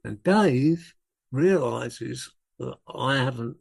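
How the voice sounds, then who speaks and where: Slow, gravelly older man. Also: medium pitch, animated. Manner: rambling, self-correcting anecdotes. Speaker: guest, rock drummer. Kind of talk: relaxed storytelling in conversation.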